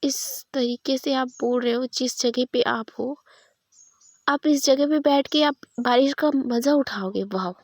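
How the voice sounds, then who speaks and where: A woman's voice: sits high, a little slow, no echo. Woman voicing worried, irritable young Aaradhya. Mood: exasperated. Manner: polite but exasperated.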